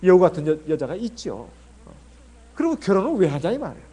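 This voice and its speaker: A man's voice: high-pitched, big pitch swings, brisk, dark tone, breathy edge. A middle-aged man from Jeolla preaching a sermon as pastor, chatty and full of rhetorical questions. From Jeolla, South Korea.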